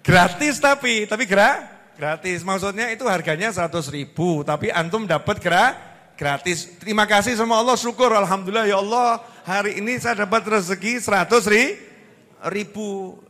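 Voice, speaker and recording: A man's voice: high-pitched, normal speed, bright, forceful tone. A man with a Javanese accent preaching a sermon, acting out little scenes and asking the crowd questions. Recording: long reverb of a hall.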